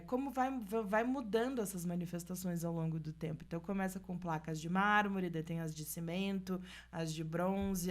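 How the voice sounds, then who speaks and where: Low-voiced woman podcast co-host. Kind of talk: casual chat.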